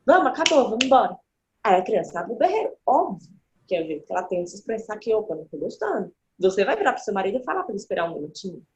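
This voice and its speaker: A woman speaking as a guest, explaining child development in animated conversation and acting out the voices she quotes. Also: medium pitch, very fast. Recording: dull lo-fi sound.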